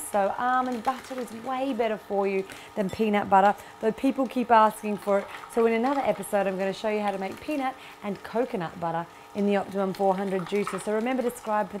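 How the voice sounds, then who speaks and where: A woman's voice: medium pitch, slight background noise. Upbeat Australian woman hosting a cooking show. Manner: chatty and upbeat, explains each step. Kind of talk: cooking demonstration to camera. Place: home kitchen studio.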